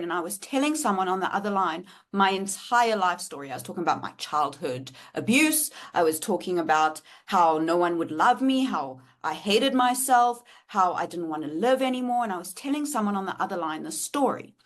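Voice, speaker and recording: A woman's voice: medium pitch, lively intonation, fairly quick, few pauses. A woman, telling a candid storytime vlog and swearing freely. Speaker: vlogger.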